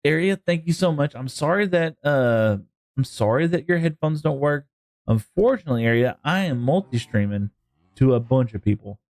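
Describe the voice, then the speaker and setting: This Texan gamer talks to his stream viewers in an animated, slightly high and slightly mellow voice at a moderate pace, with no room sound. He's rambling and jokey, chatting with chat mid-game.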